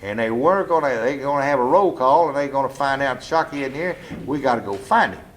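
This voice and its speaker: In his living room, a man in his seventies gives a casual oral-history interview about his life, speaking plainly and bluntly with some cursing. His medium-pitched voice is animated, but he halts often, restarting with "uh."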